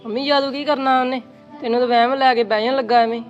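A man's voice: extremely high pitch, fairly even intonation, quick pace, highs cut off, soft background music. Man playing a earnest young brother. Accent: Punjabi. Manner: earnest, defending his sister-in-law. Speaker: actor in family drama.

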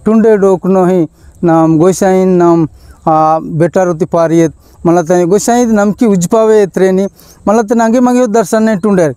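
A man with a Malto accent, a bishop giving an Easter sermon in a measured preaching manner with pauses. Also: high-pitched, warm tone, clear, resonant tone, no room sound.

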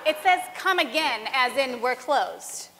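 A woman's voice: sits high, expressive, a little slow, fairly bright tone, in a large hall, a little hiss or hum, exaggerated voice. A woman playing a tired waitress trying to close up, pleading and frazzled, in a church stage skit. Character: exhausted young waitress at closing time, frazzled. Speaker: actor in a church Christmas skit. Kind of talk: live stage comedy sketch.

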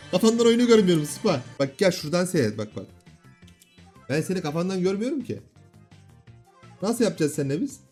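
A man in his thirties at home giving casual gameplay commentary, bantering and often shouting at his kids. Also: high voice, sing-song, brisk, long pauses, soft background music. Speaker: gaming YouTuber and father. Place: home room.

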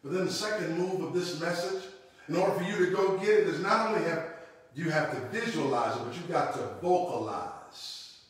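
A man's voice: on the high side, animated, normal speed. A middle-aged man preaching a sermon at a lectern, repeating key lines and calling out to the congregation. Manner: preaching with call-outs and repetition, sweeping gestures. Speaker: pastor. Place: church room with logo backdrop, standing at a lectern. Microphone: far camera. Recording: echoey room, mic far off.

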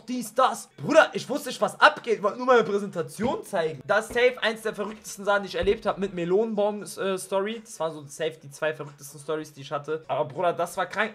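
Young man, streamer, high-pitched, casual storytelling, slangy, animated. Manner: animated, slangy, gets loud and worked up when retelling.

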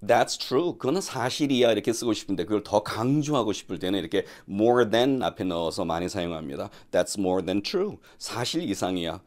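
A man whose first language is Korean, giving an English lesson and repeating English sentences slowly for drilling. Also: on the low side, animated. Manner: reads English lines very slowly and drills them. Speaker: English teacher.

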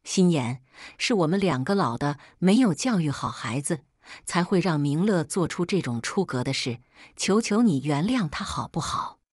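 A woman's voice: deep voice, animated, normal speed, darkish tone, no echo, studio quality. A woman voicing a grieving old mother who wails, accuses and begs tearfully, in a storybook reading. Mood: pleading. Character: wailing grieving old mother, shrill and abusive. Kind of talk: storybook narration.

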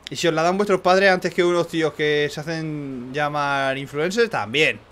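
A young man, streaming a game in casual banter, loud and excitable, yelling and laughing at the action. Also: on the high side, normal speed, a little hiss or hum. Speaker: gaming streamer.

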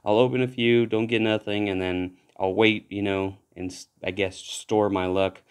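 A man giving casual commentary while opening trading card packs, relaxed but breaking into excited exclamations at good pulls. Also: fairly low pitch, normal speed, clear, resonant tone. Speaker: card pack opener.

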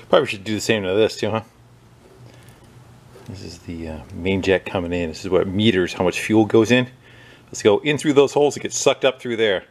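A man whose voice sits on the low side and has a creaky quality hosts a small engine repair video. Working at his bench in a workshop with a wire wheel, he chats in a relaxed, casual manner and sometimes faces away from the mic.

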